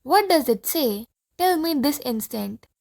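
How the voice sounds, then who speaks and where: A woman's voice: high-pitched, animated, a little slow, vocal fry, a little mellow, exaggerated voice. A woman reading the part of a pompous, bossy male Martian leader in an audiobook play, with a commanding, easily alarmed manner.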